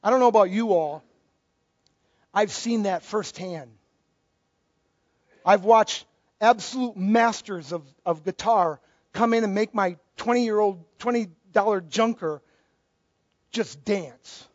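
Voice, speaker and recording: A man's voice: high voice, slow pace, pauses often, no room sound. A middle-aged male pastor giving a conversational sermon with joking asides. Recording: dull, dry lo-fi recording.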